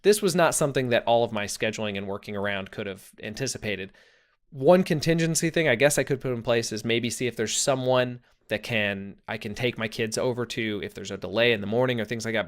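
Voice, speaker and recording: A man in his thirties hosting a podcast, telling a story in a casual, rambling way with frequent self-corrections and a wry tone. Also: medium pitch. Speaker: podcast host.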